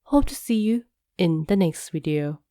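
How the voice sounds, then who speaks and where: A woman's voice: lowish voice, expressive, unhurried, dark tone, no room sound, studio quality. A woman with a congested, nasal voice from a cold, explaining things in a scripted video talk. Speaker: video creator.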